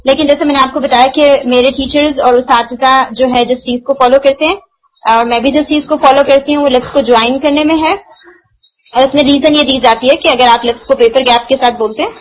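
A woman teaching the rules of Quran recitation, explaining patiently and answering her own questions as she slows down to demonstrate sounds. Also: high-pitched, fairly even intonation, low-quality recording. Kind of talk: explanatory lesson.

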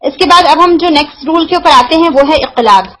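A woman teaching the rules of Quran recitation, explaining patiently and answering her own questions as she slows down to demonstrate sounds. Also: high-pitched, fairly bright tone, rough recording. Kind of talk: explanatory lesson.

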